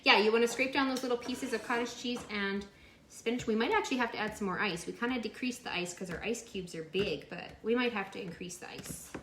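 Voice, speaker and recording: A woman's voice: a little high, a little fast. A woman co-hosting a home cooking demo, chatting casually as she talks through each step. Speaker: cooking show co-host. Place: home kitchen. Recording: echoey kitchen with loud noise. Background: blender and kitchen clatter.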